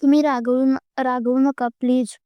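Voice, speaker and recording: A woman's voice: high-pitched, flat delivery, normal speed, smooth, no echo, muffled recording, lightly acted. A woman voicing a shy, timid young woman.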